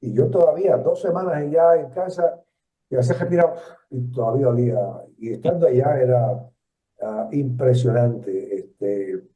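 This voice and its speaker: In this storytelling interview, the speaker is a man in his seventies from Puerto Rico, a retired journalist whose mid-range voice has a Puerto Rican Spanish accent. His reflective delivery stumbles along, full of fillers and false starts, and the audio sounds distant, roomy and muffled, like a lo-fi recording.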